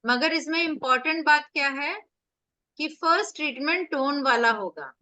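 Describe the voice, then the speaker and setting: A woman's voice: high-pitched, expressive, moderate pace, pushed and bright, no echo. A woman acupressure teacher giving an online revision lecture over a video call, explaining step by step with rhetorical questions and staying firm with her students.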